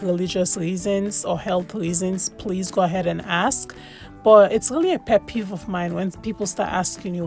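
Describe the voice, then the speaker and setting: Woman from sierra leone doing a chatty food vlog voiceover, lots of vocal fry, some music behind. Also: medium pitch, darkish tone. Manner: chatty, repeats words for emphasis. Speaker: food vlogger. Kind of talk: casual voice-over commentary on a meal.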